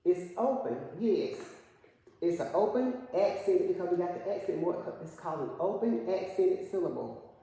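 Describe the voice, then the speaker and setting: A woman's voice: lowish voice, expressive, moderate pace, warm tone. A woman teaching a one-on-one phonics lesson, patiently asking questions and repeating her student's answers. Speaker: reading teacher. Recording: echoey room, long reverb.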